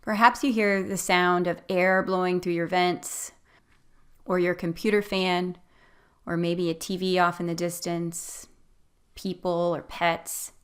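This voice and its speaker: A woman with a slightly low voice leads a guided meditation. Her delivery is gentle and soothing, giving calm, clear instructions as a meditation guide. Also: measured pace.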